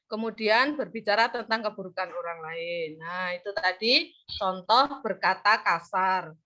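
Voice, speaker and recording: Heard through a muffled, lo-fi recording, a woman with a medium-pitched, pushed and bright voice teaches a practice lesson at a measured pace. She encourages and praises, trailing off partway through words for the class to complete them.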